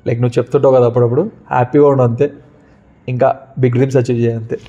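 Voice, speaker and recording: A man's voice: mid-range voice, level tone, racing, over loud music. A young man being interviewed, speaking earnestly and from the heart about love and his life. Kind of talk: emotional interview. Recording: dull lo-fi sound.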